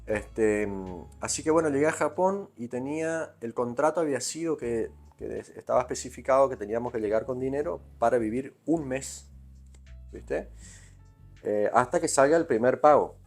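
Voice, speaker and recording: An Argentine man from Corrientes who speaks in a mid-range voice and tells loose, rambling anecdotes. He keeps asking "¿viste?" as he goes, in a relaxed interview chat. Faint music plays underneath. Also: medium pitch, slightly rough. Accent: Argentine Spanish, Corrientes. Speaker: guest musician. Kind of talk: casual interview storytelling.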